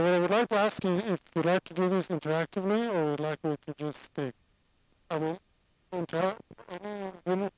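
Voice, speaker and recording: A man from Singapore with a mixed international accent speaks in a high-pitched, smooth voice, seated and lecturing conversationally as an addiction expert. He explains things and qualifies his points. The recording is low quality but has no room sound.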